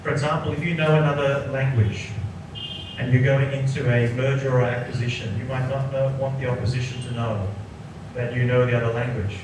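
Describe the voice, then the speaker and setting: A man's voice: medium pitch, flat delivery, fairly quick. Sri Lankan-born man lecturing, echoey room. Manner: keeps checking in with the audience by asking "right?". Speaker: psychologist giving an executive workshop. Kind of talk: interactive workshop lecture. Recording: echoey room, voice from a distant mic, noticeable background noise.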